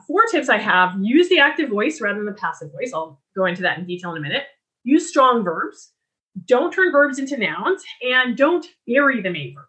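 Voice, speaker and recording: Lively, bright-voiced woman teaching writing. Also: medium pitch. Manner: clear explanatory teaching with frequent restarts. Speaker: writing instructor. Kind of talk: recorded lecture.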